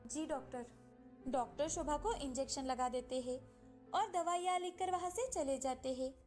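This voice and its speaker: A woman with a high voice narrates a cartoon story. She also acts out the female figures herself. Soft music plays underneath. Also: moderate pace.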